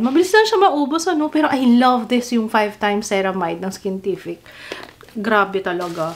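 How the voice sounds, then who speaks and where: A woman's voice: medium pitch, a little hiss or hum. A woman vlogger and mother chatting casually, giggling often and mixing in English. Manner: chatty, giggly, switches between Tagalog and English. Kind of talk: casual vlog chat.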